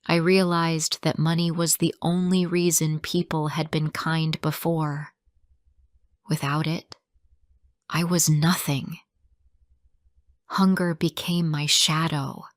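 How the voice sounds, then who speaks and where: A woman's voice: deep voice, flat delivery, slow, long pauses, no echo, clean studio sound. A woman narrating a first-person story for English learners in a plain, careful reading voice.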